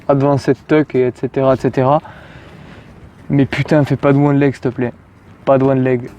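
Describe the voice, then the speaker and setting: A man's voice: a little high, a little mellow. French man coaching casually outdoors. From France. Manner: informal, addresses viewer as tu, jokey asides. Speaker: calisthenics coach. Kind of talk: casual outdoor workout tutorial.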